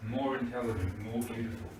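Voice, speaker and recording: A man's voice: medium pitch, brisk, noisy background. A man teaching English grammar to a class, patiently asking "right?" as he checks that the class follows. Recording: echoey room, mic far off.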